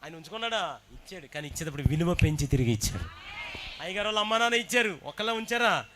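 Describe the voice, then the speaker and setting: A man preaching a sermon, calling on the congregation to answer and shouting praises. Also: on the high side, sing-song, fast. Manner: shouts praises and urges the congregation to respond loudly. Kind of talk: sermon with call-and-response.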